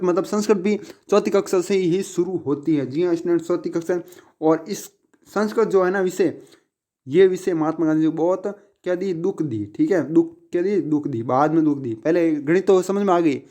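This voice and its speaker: Man teaching in a warm, mellow voice. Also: fairly high pitch. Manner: repetitive, asks and answers his own questions. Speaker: exam prep teacher. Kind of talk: casual exam-prep lesson.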